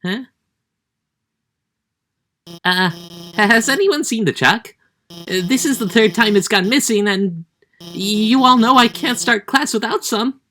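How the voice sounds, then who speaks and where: A woman's voice: on the high side, expressive, takes it slowly, pauses often, fairly bright tone, slight background noise, pitched above the performer's own voice. A woman voicing a nervous female lizard teacher who stammers timidly.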